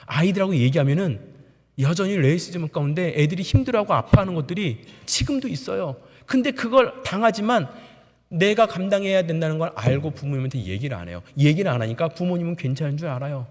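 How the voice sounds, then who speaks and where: A man in his thirties preaching a sermon as pastor, telling stories with lively animation and acting out the voices of children and parents. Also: a little high, fast. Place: large church sanctuary. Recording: reverberant church sanctuary.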